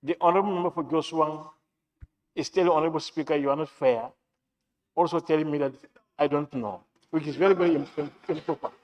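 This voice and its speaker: A man's voice: fairly high pitch, quick pace, rough recording. A man speaking as a member of parliament, raising formal objections in an indignant, complaining way.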